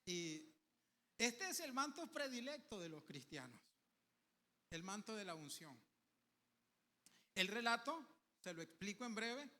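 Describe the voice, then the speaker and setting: A man preaching a sermon with emphatic bursts and quiet asides, calling the congregation to say amen. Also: sits high, big pitch swings, unhurried, long pauses, big-room sound. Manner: calls on the congregation for amens.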